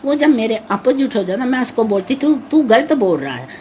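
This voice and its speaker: A woman's voice: fairly high pitch, sing-song, normal speed, darkish tone, a little hiss or hum. An older woman with a naturally harsh-sounding voice, speaking anxiously about her missing son. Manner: anxious, pleading, repeats herself. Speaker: mother of a missing man. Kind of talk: emotional interview.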